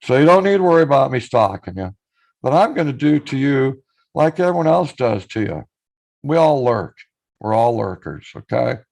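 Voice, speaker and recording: On his live stream, a hoarse-voiced man chats casually, greeting viewers by name and reading their messages aloud. His voice sits in the mid range with a darkish tone.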